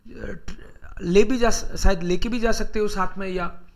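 A man teaching German exam strategy, reading German aloud slowly and explaining it in Hindi while thinking aloud. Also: sits high, fairly even intonation, creaky.

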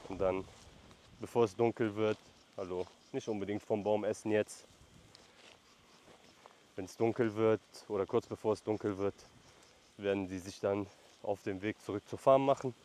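Narrating a casual vlog as he herds on a mountain farm, a shepherd from Lebanon speaks in a warm, low voice with fairly even intonation. He keeps a moderate pace with frequent pauses, breaking off to call to his animals between explanations, against faint sounds of the outdoors.

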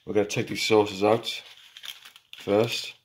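A man's voice: fairly low pitch, level tone, takes it slowly. A young man vlogging a food challenge in a kitchen, chatting casually to his viewers. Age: young adult. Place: small home kitchen. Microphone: handheld camera. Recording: noisy handheld camera recording.

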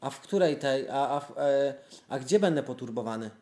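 A man's voice: medium pitch, expressive, fairly quick, noisy background. A man in his twenties, a streamer, chatting casually on a phone call from his room. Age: 20s. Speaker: live streamer making a call. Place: room at a desk, indoors. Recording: roomy indoor echo.

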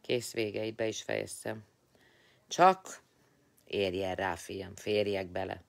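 Low-pitched, tired man hosting a live stream, chatty and teasing with viewers. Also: steady tone, gravelly. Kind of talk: casual live-stream chat, greeting and answering viewers.

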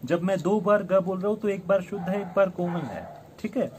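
A man teaching a flute lesson online, friendly and encouraging, who sings the note names out slowly for students to follow. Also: high voice, background noise.

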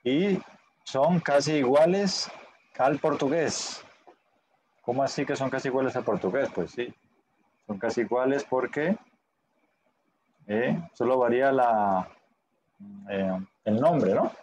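A man's voice: medium pitch, slow pace, pauses often, darkish tone, slight background noise. A man teaching a Spanish class online in a patient way, often checking in with short questions.

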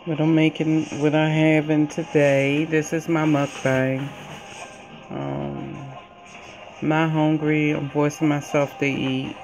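Slow, rambling older woman. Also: sits low, little pitch movement, music in the background. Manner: rambling, halting, with many pauses and fillers. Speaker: mukbang host. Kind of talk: casual eating vlog chat.

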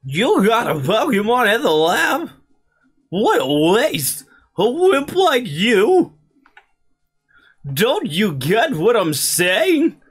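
A man voicing a bratty, sneering young male rival trainer in a video game, taunting and shouty. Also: high voice, wildly swooping pitch, slow, pauses often, husky, voice pushed up, heavily acted.

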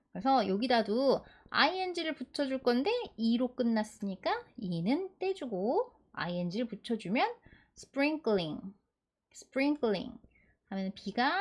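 A woman teaching English vocabulary in an online lesson, slowly drilling pronunciation and having listeners repeat words after her. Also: mid-range voice. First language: Korean.

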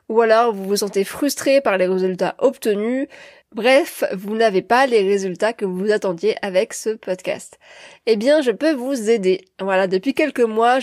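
A woman's voice: a little high, a little mellow, no room sound. A woman hosting her solo podcast, talking to her listeners in a friendly, direct way. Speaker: podcast host. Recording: dry close recording.

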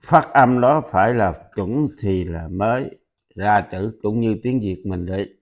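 A man whose first language is Vietnamese, patiently teaching a pronunciation lesson and repeating example words loudly. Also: lowish voice, a little slow. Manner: patient, instructive.

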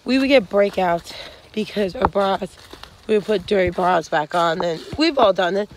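A woman's voice: mid-range voice, animated, normal speed, background noise. A young woman giving frank hiking advice in a casual vlog, rambling with many fillers, filmed on a phone at arm's length on a wooded trail. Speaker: hiking vlogger. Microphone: phone held at arm's length.

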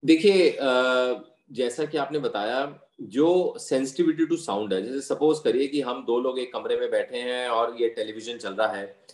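A man who is an ENT doctor, calmly explaining hearing problems and giving patient advice with medical terms in an interview. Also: medium pitch, a little slow. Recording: roomy echo.

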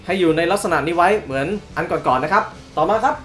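Excitable man hosting a toy unboxing. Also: fairly high pitch, fast, soft background music. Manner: excitable, exclaims often, hums sound effects while showing the box. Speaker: toy reviewer, channel host. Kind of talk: casual unboxing review.

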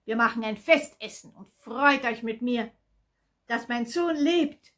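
A woman voicing a forgiving old father in a children's Bible story, exclaiming his joy and coaxing gently. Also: high voice, sing-song, takes it slowly, slightly rough, voice pushed up, heavily acted. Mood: overjoyed. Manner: exclaiming, warm and pleading.

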